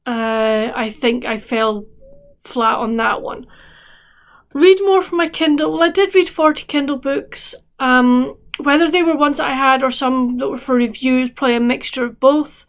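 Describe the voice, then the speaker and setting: A woman's voice: high-pitched, moderate pace. A woman chatting casually as a book vlogger, rambling with restarts and fillers, sounding tired. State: tired, yawning. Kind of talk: casual chat to camera.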